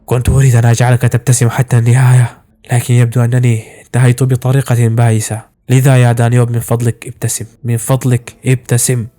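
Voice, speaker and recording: A loyal young swordsman, gruff and protective, delivered quickly and in a mid-range register, as a male narrator puts him on. He talks bluntly to the friend he guards, in an anime story recap. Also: mid-range voice, darkish tone, lightly acted. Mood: dying, pleading. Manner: blunt and brotherly.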